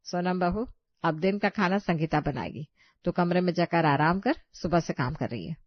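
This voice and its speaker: A woman voicing a kind older mother-in-law who scolds fondly and calls out loudly in a cartoon. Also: lowish voice, moderate pace, no room sound, dull audio, close to an everyday voice. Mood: fussing caring.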